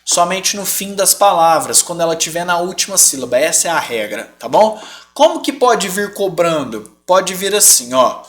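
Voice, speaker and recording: A man's voice: high voice, big pitch swings, normal speed, a bit bright. A man with a Brazilian Portuguese accent teaching a live online lesson, explaining patiently and checking in with the class often.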